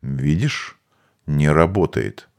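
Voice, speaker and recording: A cryptic male mage speaks in a deep, slow, measured way, every word matter-of-fact, as a man reads him in an audiobook. The voice sits well below the narrator's. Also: animated, creaky, clear, resonant tone, exaggerated voice. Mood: puzzled. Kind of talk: audiobook character voice.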